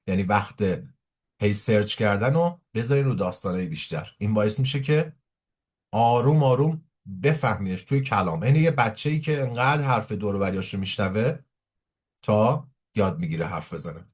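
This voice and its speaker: A man with a low, slightly husky voice reads an English story aloud at a slow, careful pace. He then explains it in quick bursts, and his pitch swings widely as he teaches. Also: animated. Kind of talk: language lesson reading a story aloud.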